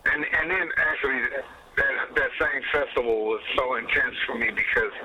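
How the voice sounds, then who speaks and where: Animated laughing male musician. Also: medium pitch, moderate pace, husky, poor audio. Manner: animated storyteller, laughs often, swears freely. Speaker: guest musician. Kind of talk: casual interview chat.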